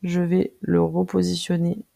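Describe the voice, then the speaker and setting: Tutorial presenter, casual screen-recording, very creaky and mellow, hesitant with lots of fillers. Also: medium pitch, completely flat delivery. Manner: hesitant, frequent filler pauses while clicking through; friendly, addresses viewers directly.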